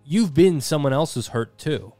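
A man's voice: a little high, expressive, a little slow, mellow, no room sound, faint music behind. A man in his thirties co-hosting a podcast, talking in a candid, self-deprecating way with the odd casual swear. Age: 30s. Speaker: podcast co-host. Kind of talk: casual reflective chat.

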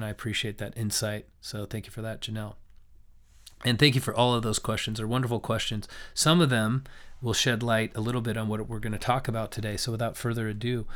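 A young man with a cold teaches a recorded scripture lesson, his voice hoarse and raspy, lowish, yet fairly bright in tone. He approaches it loosely and thoughtfully, restarting often.

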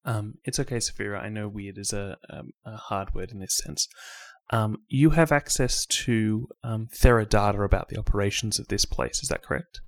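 A man's voice: fairly low pitch, moderate pace, vocal fry. Hesitant man playing a tabletop game. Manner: hesitant, many ums. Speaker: player. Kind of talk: casual tabletop play.

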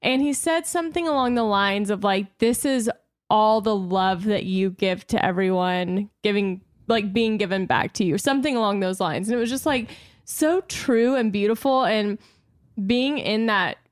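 A woman co-hosting a casual chat, speaking in a supportive and measured way. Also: mid-range voice, dry recording, clean studio sound.

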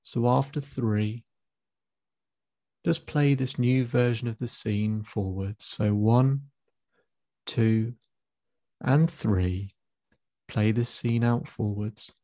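Playing a therapist, a man guides a client through a visualization exercise, counting the listener in. He speaks slowly, calmly and instructively in a mid-range voice, and the recording is dry.

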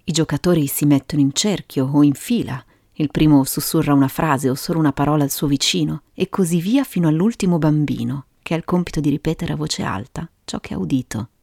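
Low, creaky-voiced woman storyteller. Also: brisk, hardly any pauses, a little mellow, dry recording, studio quality. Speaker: host and narrator of a storytelling show. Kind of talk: scripted storytelling narration. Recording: music behind the voice.

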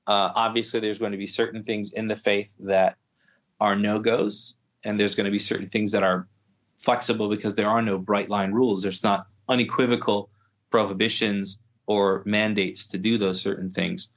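Low-voiced man, halting and thoughtful. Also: level tone. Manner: thoughtful, many restarts and fillers. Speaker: guest speaking on Islam. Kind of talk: podcast conversation. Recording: dull lo-fi sound.

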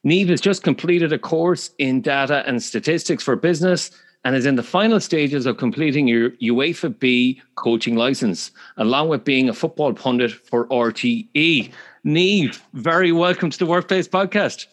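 A man's voice: mid-range voice, normal speed. A middle-aged man with an Irish accent, interviewing as a podcast host in hesitant, wordy phrasing.

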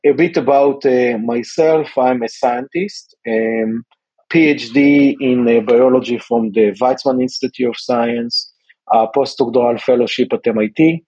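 Husky, mellow-voiced male scientist. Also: medium pitch, steady tone, unhurried, no echo, muffled recording. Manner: hesitant, with many fillers. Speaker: company founder and scientist. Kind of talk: interview guest.

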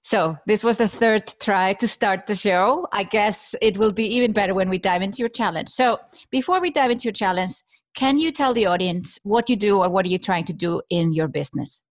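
A woman from Iceland hosting a podcast, coaching her guest with lively questions and examples. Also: mid-range voice, brisk. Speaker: podcast host and business coach.

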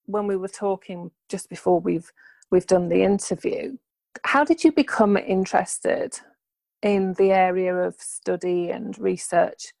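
A podcast host with a medium-pitched, creaky voice eagerly introduces and interviews her guest, thanking them warmly. The recording is dry.

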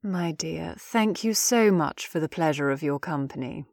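A man's voice: fairly high pitch, normal speed, vocal fry, no echo, clean studio sound. A man reading a story, voicing a gracious and scheming female empress with regal, polished speech. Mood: gentle, gracious.

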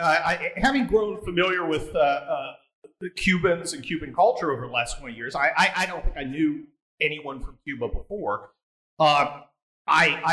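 Man, podcast host, bright forceful voice, slightly high, blunt and rambling. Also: low-quality recording. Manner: blunt, provocative, rambling with restarts. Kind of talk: casual interview chat.

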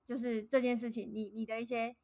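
A woman podcast host with a Taiwanese Mandarin accent who talks quickly in a fairly high voice. She chats casually and tells a story at length, with plenty of fillers. Her delivery is loose and conversational. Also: level tone, a crowd in the background. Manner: chatty, recounts a story at length with frequent fillers.

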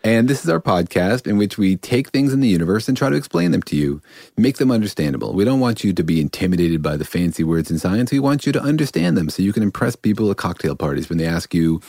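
A man's voice: lowish voice, big pitch swings, quick pace, gravelly, a little mellow, no room sound, studio quality. A man co-hosting a podcast in casual, conversational science chat. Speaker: podcast host.

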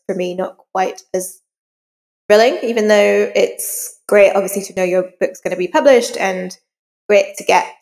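A woman with a low-leaning, darkish voice, she's an author being interviewed in a casual conversation. Her manner is candid and informal and reflective, with long reverberant room sound on the recording.

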